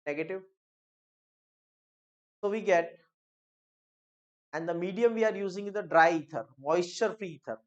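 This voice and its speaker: A woman with an Indian accent teaching a chemistry lesson, switching between Hindi and English, explaining step by step, repeating key phrases and checking in with "okay?" and "clear?". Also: mid-range voice, muffled recording. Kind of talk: classroom lecture mixing Hindi and English.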